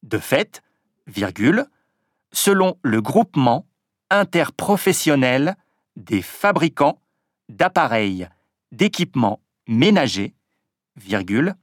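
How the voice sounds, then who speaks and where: A man reading a text aloud as a dictation, pronouncing each punctuation mark in a lower voice. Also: big pitch swings, dry recording, clean studio sound. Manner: measured and deliberate, drops pitch on spoken punctuation marks. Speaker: dictation reader. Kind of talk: slow French dictation, punctuation spoken aloud.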